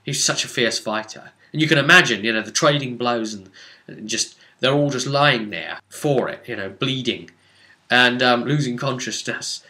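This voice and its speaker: At a moderate pace and medium pitch, he casually relives a tabletop game session from the game master's seat, energetic and wandering, pressing on points before tapering off.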